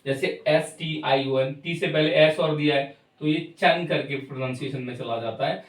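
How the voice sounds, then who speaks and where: Echoey far-off male teacher. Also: on the high side. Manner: explains slowly and checks in with "thik hai". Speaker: English teacher. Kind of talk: pronunciation lesson. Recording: echoey room, far from mic.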